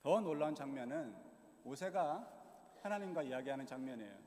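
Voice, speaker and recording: A middle-aged man preaching a sermon in a church, telling the stories in a lively way and acting out the voices of the people in them. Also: on the high side, a little fast. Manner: animated storytelling, acting out quoted voices. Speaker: missionary preacher. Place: church hall. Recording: long hall reverb in a church.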